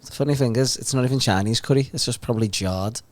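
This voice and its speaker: A man's voice: medium pitch, fast talker, a little mellow. A man who is a father of two co-hosts a podcast in casual chat. He is jokey and laughs easily. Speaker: podcast co-host, wedding videographer.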